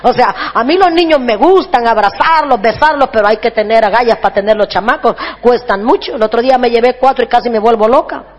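A woman in her forties preaching a lively, humorous sermon, acting out children's shrieks as she tells stories. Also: on the high side, quick pace, hardly any pauses, big-room sound. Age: 40s. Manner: animated storytelling, acts out children's shrieking voices.

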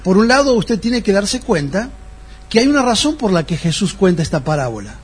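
A man's voice: high-pitched, big pitch swings, fairly quick, husky. A man preaching a sermon as pastor, explaining a text and putting rhetorical questions to his congregation.

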